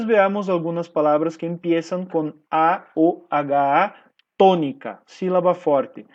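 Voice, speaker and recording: A man's voice: a little high, darkish tone, lo-fi sound. A man with a Brazilian Portuguese accent teaching a recorded class lesson, explaining step by step and checking in with the class after nearly every point. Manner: explanatory, checks in with frequent tag questions. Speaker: Spanish teacher.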